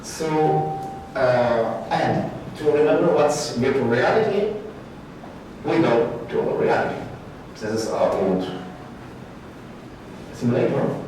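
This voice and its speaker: A man's voice: mid-range voice, animated. Echoey distant man presenting. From Peru. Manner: halting, searching for words, self-correcting. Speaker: guest speaker, art faculty lecturer. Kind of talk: conference presentation. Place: large brick-walled event room, indoors. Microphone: far room camera, no mic. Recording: very echoey room, distant mic, background noise.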